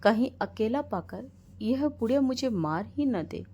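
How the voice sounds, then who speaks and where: A woman's voice: on the high side, lively intonation, measured pace, a little mellow, slightly rough. A woman voicing a frightened young wife who pleads through tears in a storybook tale. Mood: fearful. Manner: fearful, pleading.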